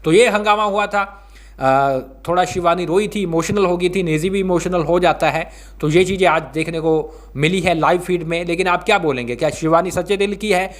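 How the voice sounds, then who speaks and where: A man casually recapping a reality show for viewers, acting out the quoted lines and filling pauses with small fillers. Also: high voice. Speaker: reality show update vlogger.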